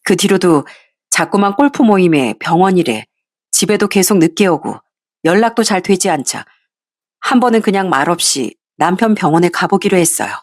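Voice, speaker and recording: A woman narrating her own story in the first person, in a measured, confessional way. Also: lowish voice, animated, no room sound, studio quality.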